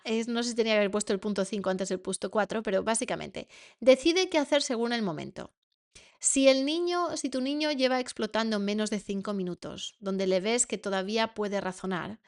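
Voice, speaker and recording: A woman with a Spain Spanish accent, teaching a masterclass to parents as a coach, earnest and repeating words for emphasis. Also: fairly high pitch.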